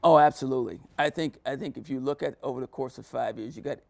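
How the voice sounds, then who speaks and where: A man's voice: mid-range voice, fast talker, vocal fry, darkish tone, no room sound. A man who once played for the coach, talking earnestly in a sit-down interview and leaning on "you know" as he reflects. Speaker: former player, interview guest.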